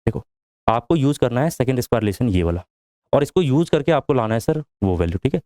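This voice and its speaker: A maths teacher from India explaining a proof step by step, asking the class questions and answering them himself. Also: male voice, mid-range voice, animated, fast talker, warm tone, no room sound. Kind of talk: whiteboard lesson.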